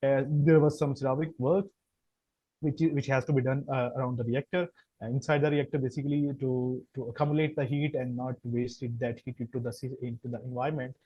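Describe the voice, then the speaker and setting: A Punjabi-speaking man with a Pakistani accent answers podcast interview questions as a chemical engineer, speaking haltingly with lots of fillers and restarts. His mid-range voice holds a steady tone with a breathy edge, in a dry, dull-sounding recording.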